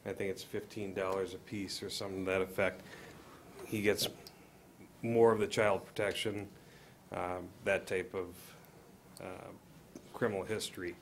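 A man's voice: sits low, a little hiss or hum. A man with an Upper Midwest American accent, a police officer explaining background checks at a council meeting.

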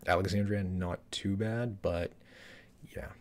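Speaking from a small room, a thirty-something man rambles casually through a trailer review for YouTube, often stopping to restart or fill gaps. His voice is low and a little mellow, with fairly even intonation and a measured pace.

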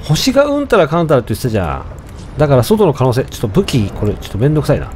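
A young man casually commenting on his own gameplay, chatting to himself with sudden excited outbursts. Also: mid-range voice, racing, a little hiss or hum. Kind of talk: casual let's-play commentary.

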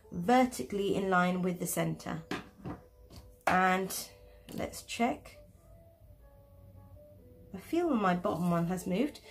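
An art teacher walks viewers through a step-by-step drawing tutorial from her desk, chatty and self-deprecating. Her voice is medium-pitched with vocal fry.

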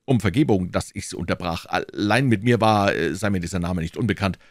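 A man voicing a bold, quick-tempered young swordsman in an audiobook, brash and exclaiming. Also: sits low, no room sound, clean studio sound. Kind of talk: audiobook reading.

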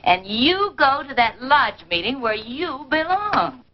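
1950s American housewife, unhurried, gently chiding, lively pitch swings, old radio comedy, noisy dull recording. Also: female voice, a crowd in the background, full character voice. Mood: patient, caring. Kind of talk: mid-century American radio comedy acting.

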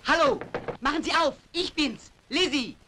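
A woman's voice: on the high side, big pitch swings, quick pace, background noise. A woman playing an anxious, bossy and loyal housekeeper in a dubbed vintage thriller, urgent and dramatic.

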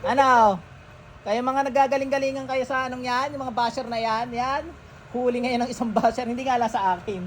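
Stern healer chanting spells. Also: male voice, fairly even intonation, a little fast, a little hiss or hum. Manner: stern, interrogating, chants in low murmurs. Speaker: faith healer. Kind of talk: chanting healing ritual. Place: healing session in a home.

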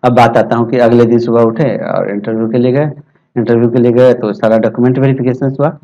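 A young man in a casual, rambling talk to his viewers, tagging his sentences with quick checks that they follow. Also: mid-range voice, steady tone, warm tone, highs cut off. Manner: chatty, rambling, many "theek hai" tags. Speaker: YouTube educator sharing exam interview experience. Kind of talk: casual talk to viewers over a screen recording.

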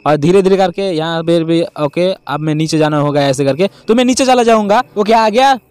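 A young man giving excitable gameplay commentary, talking straight to viewers with lots of exclamations. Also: on the high side, a little fast, smooth, no room sound. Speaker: gaming YouTuber.

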